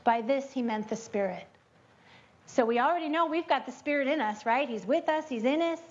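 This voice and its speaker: A woman giving a chatty, animated devotional teaching, breaking into spoken prayers to God. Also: a little fast. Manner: chatty and animated, prays aloud with rising pitch. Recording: dull lo-fi recording.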